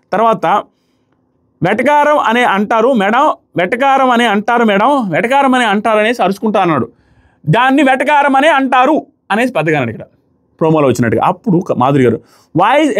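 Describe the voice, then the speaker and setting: A man casually recapping a reality show, acting out quoted arguments in shifting voices. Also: high-pitched. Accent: Telugu. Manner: animated, acts out quoted lines in shifting voices.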